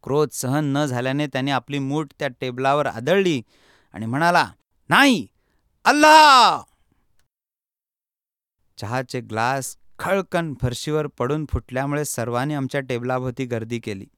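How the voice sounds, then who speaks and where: A man reading a first-person travel memoir aloud in steady, measured narration. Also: medium pitch, clean tone, dry recording, clean studio sound.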